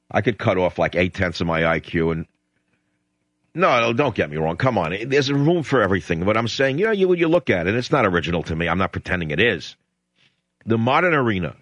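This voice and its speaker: In a dull, lo-fi radio broadcast with no room sound, a man with a low voice hosts an opinionated talk show, ranting sardonically and fielding callers in the studio. He sounds expressive, a bit bright, and fairly quick.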